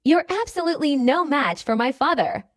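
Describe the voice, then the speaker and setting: A woman voicing a loyal, gruff male pirate ship doctor in an audiobook, with a lowered, blunt, muttering manner. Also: expressive, moderate pace, no echo, studio quality. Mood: grumbling. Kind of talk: audiobook character voice.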